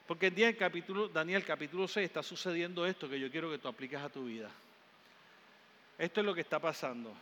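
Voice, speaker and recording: A man's voice: on the high side, fast, fairly bright tone, lo-fi sound. A male pastor with a Caribbean Spanish accent, preaching a sermon in a church hall and building up in emphatic repeated phrases. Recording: long hall reverb, faint room noise.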